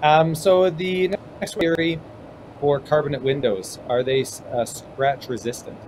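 A man's voice: a little high, fairly even intonation, measured pace, a little mellow. Man on a glitchy breaking-up call. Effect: glitchy breaking-up call audio. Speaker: question reader. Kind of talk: reading audience questions. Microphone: remote video call. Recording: noisy, distant, breaking-up call line.

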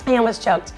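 A woman in her late twenties chatting casually to camera, bubbly and talkative, filling her sentences with "like". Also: a little high. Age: late 20s. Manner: chatty, lots of "like" fillers, bubbly.

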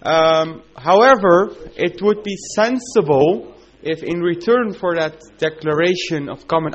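A man with a fairly high voice makes a persuasive announcement to a conference. The recording is dull and muffled. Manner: persuasive, appealing to unity. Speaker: conference delegate. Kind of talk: conference speech. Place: conference hall.

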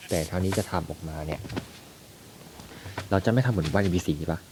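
A young man talks his way through a building game, musing aloud as he goes. His voice sits very low. A loud layer of noise runs under the recording. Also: quick pace. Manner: chatty, thinks aloud while playing. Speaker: gaming YouTuber. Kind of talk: casual game commentary.

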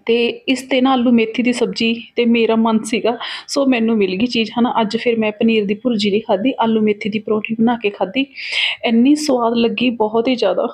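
A middle-aged woman tells everyday stories in an animated, chatty vlog voice-over, often adding tag questions. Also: fairly high pitch, fairly quick, husky. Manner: animated storytelling with repeated tag questions and quoted exchanges. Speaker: home vlogger.

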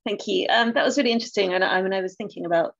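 A woman's voice: medium pitch, rapid-fire, creaky, a bit bright. A woman with an Essex accent chairing an academic webinar over a video call, hesitant, with many fillers and restarts. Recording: dull lo-fi call audio.

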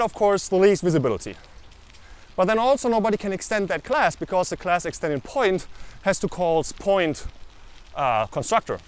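A man in his thirties teaching programming, explaining code with frequent restarts and fillers. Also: fairly high pitch. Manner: lively, lots of restarts and uh fillers while explaining. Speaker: programming educator. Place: living room indoors, also outdoors in a park.

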